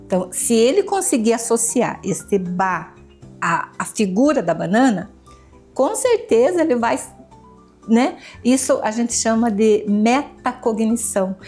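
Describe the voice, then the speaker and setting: A woman's voice: fairly high pitch, a little mellow, slightly rough. A woman educator, a guest in an interview, explaining her method in a patient, teacherly way and repeating examples.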